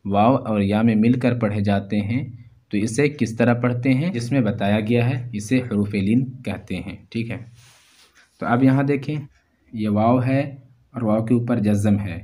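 A man's voice: lowish voice, mellow. Patient man teaching letter sounds. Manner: slow, patient, repeats each syllable drill-style. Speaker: Quran reading teacher.

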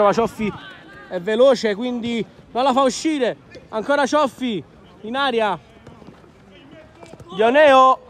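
A man giving live amateur football commentary outdoors, in short clipped phrases naming the players. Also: high voice. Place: outdoor floodlit football pitch at night.

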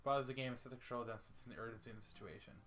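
A man reading a visual novel aloud for a let's play, quiet and even. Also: medium pitch, rapid-fire, a little hiss or hum.

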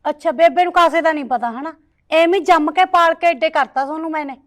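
A woman playing a worried, protective mother who loudly lectures her daughter in a family drama. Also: sits high, brisk, lightly acted. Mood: scolding. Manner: loud scolding, lecturing. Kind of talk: village family drama acting.

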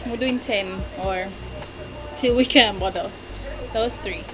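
High-pitched young woman, casual candy-tasting chat. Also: measured pace, low-quality recording. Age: young adult. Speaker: challenge video host. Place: bedroom, indoors. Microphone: camera across a small table. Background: music in the background.

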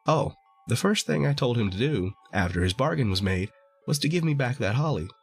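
A man's voice: mid-range voice, lively intonation, brisk, slightly rough, soft background music, voice pushed up. A man voicing a sly little male dwarf who haggles and coaxes in a storybook reading. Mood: chatty. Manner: wheedling, coaxing haggler.

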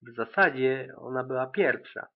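A man reading a calm, bookish pony mare. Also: medium pitch, normal speed, lightly acted. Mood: reassuring. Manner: patient, reassuring, slightly weary. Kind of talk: amateur audiobook reading. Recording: tinny, phone-like lo-fi sound.

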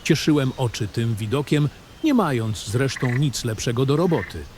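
A man narrates a fantasy audio drama in the first person, with a literary flavor, speaking at a normal speed. His mid-range voice carries lively, expressive intonation, while soft nature ambience and a slight hiss or hum linger in the background.

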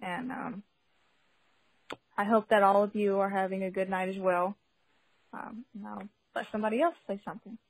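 A woman's voice: medium pitch, steady tone, normal speed, pauses often, dry recording. Giggly young woman on a phone line. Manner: chatty and giggly, many fillers and restarts. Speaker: caller sharing a testimony. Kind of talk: casual spoken testimony.

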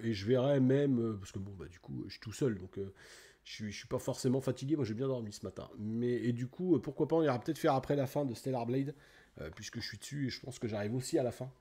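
A middle-aged French man streaming a game, chatting casually with viewers by name and filling pauses with little sound words. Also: mid-range voice, dark tone, slightly rough. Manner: chatty, greets viewers by name, fillers like "tac" and "hop là". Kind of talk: casual let's play chat.

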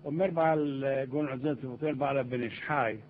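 An older man, a rabbi, giving a Torah lecture, telling stories and acting out the dialogue in a raised voice. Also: mid-range voice. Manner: animated, acts out dialogue in raised voice. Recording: tinny phone-like archive recording with hiss.

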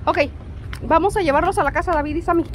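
A woman's voice: extremely high pitch, fast talker, crowd noise. A middle-aged woman with a Mexican Spanish accent, chatting playfully and teasing as she talks to her viewers. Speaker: vlogger. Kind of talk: casual vlog chat to viewers. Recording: steady background noise.

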